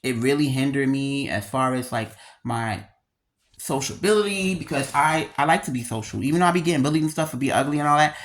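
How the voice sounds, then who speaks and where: A speaker in their thirties talks straight to viewers in a casual, confessional vlog style. The medium-pitched voice carries a slight lisp from missing front teeth. The delivery is candid, slangy and emphatic, with words repeated to drive points home. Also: expressive, a little fast. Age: 30s. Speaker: video creator.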